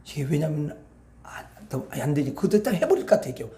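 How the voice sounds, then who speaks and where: A man's voice: on the high side, sing-song, quick pace, dark tone, reverberant. A man pastor preaching at an evening prayer meeting, talking to the congregation in a colloquial, conversational way and often asking them rhetorical questions.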